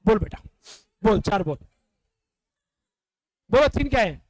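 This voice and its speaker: A man's voice: high voice, sing-song, unhurried, dry recording, rough recording. A man from India teaching a classroom revision lecture, quizzing students and scolding them in a teasing way.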